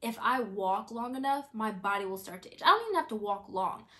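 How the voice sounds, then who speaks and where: A young woman in her twenties telling a story in a casual, animated way, acting out her own quotes with lots of filler words. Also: mid-range voice, fairly quick. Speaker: vlogger.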